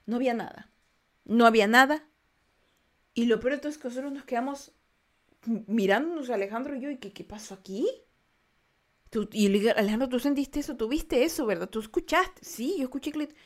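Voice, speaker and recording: Animated young woman. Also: fairly high pitch, brisk, pauses often. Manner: animated, acts out quotes with loud bursts; frequent restarts, turns quiet and reflective. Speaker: podcast host. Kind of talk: casual storytelling.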